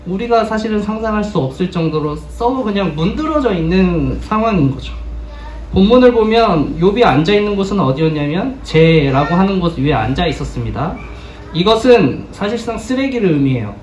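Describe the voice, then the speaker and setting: A man with a notably high voice preaches an earnest sermon, turning again and again to ask his congregation questions. He sounds set back from the microphone, and the church sanctuary lends his words a full, roomy echo. A faint hum of background noise sits under the recording. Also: animated, a little fast, a little mellow, recorded from a distance.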